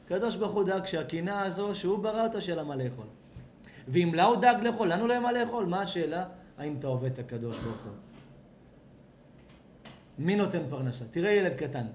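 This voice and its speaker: A man, a rabbi, giving an animated sermon at a home gathering, asking the audience questions and acting out voices. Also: high voice, a little hiss or hum. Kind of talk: lively sermon at a house blessing.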